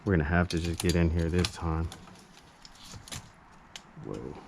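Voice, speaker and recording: An amateur repair vlogger, a man with a low voice and some vocal fry, chats loosely and without a script as he works on a hands-on repair, using plenty of slang at an unhurried pace. He slips between muttering to himself and speaking to his viewers. A GoPro action camera picks him up with faint noise in the background.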